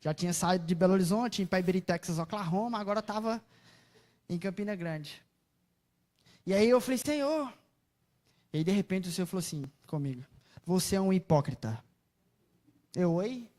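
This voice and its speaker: A woman with a Brazilian Portuguese accent preaching a sermon, telling stories expressively and often turning to the audience with questions, dropping to soft asides and rising to loud exclamations. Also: fairly low pitch, brisk. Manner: chatty, asks the audience questions.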